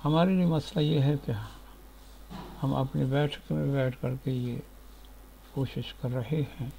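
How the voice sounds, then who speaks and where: A man teaching word origins in a slow, deliberate lecture, spelling out letters one by one, recorded in a sitting room at home. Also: mid-range voice, vocal fry, mellow, slight background noise, low-quality recording. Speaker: etymology teacher.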